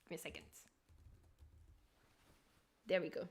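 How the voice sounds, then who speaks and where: A woman's voice: a little slow, darkish tone. Casual woman streamer with a Turkish accent. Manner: informal, chatty, addressing viewers. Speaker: streamer, animator. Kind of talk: casual livestream chat and explanation.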